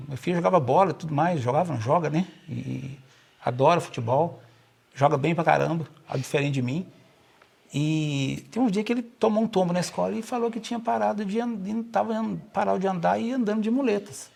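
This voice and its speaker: Middle-aged man, Minas Gerais accent, earnest interview guest, fairly high, husky and gravelly. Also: a little mellow. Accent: Minas Gerais Brazilian Portuguese. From Brazil. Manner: earnest storytelling, repeats himself and restarts. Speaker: guest, nurse. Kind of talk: casual personal account.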